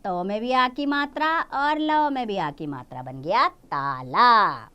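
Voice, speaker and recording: Woman, young adult, primary teacher, slow classroom lesson, drawn-out repeated words, bright tone, fairly high voice. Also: big pitch swings, clear, resonant tone, muffled recording. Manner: drawn-out syllables when modelling words, repeats each word twice; coaxing questions to the children. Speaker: primary school Hindi teacher.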